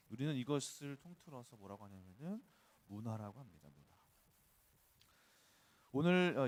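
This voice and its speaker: A male pastor preaching at an early-morning church service, talking in a conversational way and weaving in personal stories. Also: on the low side. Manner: conversational, storytelling with personal anecdotes. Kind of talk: dawn service sermon.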